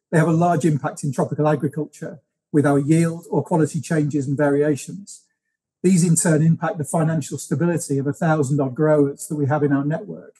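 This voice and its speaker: A man answering interview questions as a company guest, explaining in a measured, businesslike way. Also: a little high, dark tone, slightly rough.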